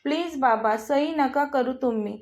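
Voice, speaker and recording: A woman's voice: high voice, measured pace, darkish tone. A woman reading the part of a brave, defiant young woman who pleads with her father, in a storybook reading. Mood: pleading.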